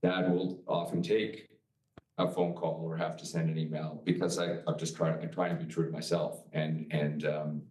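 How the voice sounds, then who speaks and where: A man's voice: rumbling low, level tone, normal speed, a little mellow. A middle-aged man, an entrepreneur guest, talking earnestly in a casual interview with many restarts. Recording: roomy, distant from the mic.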